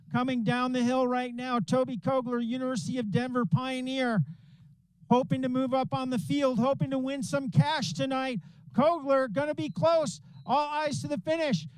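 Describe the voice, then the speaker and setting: A man calling a ski race live, excitedly repeating racers' names and finish times. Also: very high-pitched, clean tone, no echo, poor audio. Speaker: race announcer. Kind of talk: live sports commentary.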